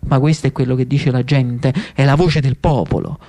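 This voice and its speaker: An actor-storyteller with a Neapolitan accent delivers a dramatic, lyrical monologue in Italian with dialect, lingering on short repeated phrases. His voice is medium-pitched and dark, with vocal fry, fairly even intonation, and a moderate pace.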